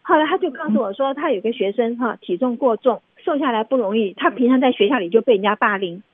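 A woman's voice: a little high, lively intonation, fast, slightly rough. A woman with a Taiwanese Mandarin accent hosting a radio discussion, telling anecdotes in an emphatic, explanatory way with frequent tag questions. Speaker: radio show host and commentator. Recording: thin phone-like radio sound, roomy echo.

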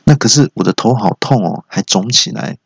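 A man hosting a solo comedy show, telling jokey stories and jumping into shouted character quotes. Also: lowish voice, expressive, brisk, vocal fry, slightly rough, dry recording. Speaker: comedy podcast host. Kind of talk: solo stand-up storytelling. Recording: dull lo-fi recording.

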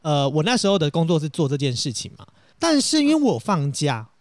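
A young man with a Taiwanese Mandarin accent telling a story in casual chat, animated and self-dramatizing, laughing as he goes. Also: on the high side, a little fast, no room sound, clean studio sound.

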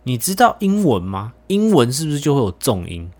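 A young man hosting a casual podcast chat, animated and teasing, swearing casually. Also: medium pitch, a little fast. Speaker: podcast host.

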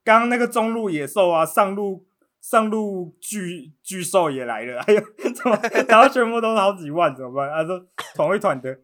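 Teasing podcast host. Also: male voice, sits high, lively intonation, normal speed, fairly bright tone. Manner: teasing, goading. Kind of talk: casual podcast chat.

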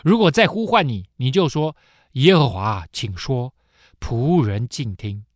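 A man voicing a gentle, tired old priest who calmly gives instructions. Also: medium pitch, measured pace, no echo, studio quality.

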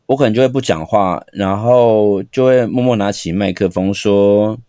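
A man, a teacher co-hosting a podcast, chatting in an animated, teasing way and acting out lines. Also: on the low side, moderate pace, clean tone, dry recording, clean studio sound. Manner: animated, acts out lines to tease. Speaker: podcast co-host who teaches students. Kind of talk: casual chat.

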